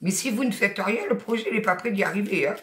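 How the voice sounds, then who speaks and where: A tarot card reader with a Southern French accent gives a spoken guidance reading. The delivery is emphatic, chatty and encouraging, with blunt asides. The voice sits at a middle pitch and rings in an echoey room. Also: fast, a bit bright.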